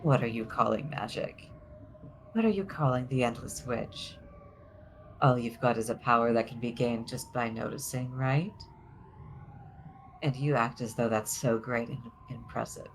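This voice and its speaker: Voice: medium pitch, moderate pace, a little hiss or hum, lightly acted, low-quality recording. Someone voicing a haughty, taunting anime rival witch. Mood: scornful. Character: proud young witch, mocking rival of her former teacher. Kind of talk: dramatic amateur voice-over of a visual novel.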